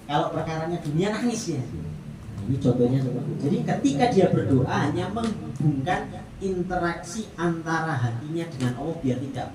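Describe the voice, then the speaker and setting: A man from Indonesia preaching a monthly religious study, telling stories with acted dialogue and light jokes. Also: fairly high pitch. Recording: echoey room, distant mic, noisy.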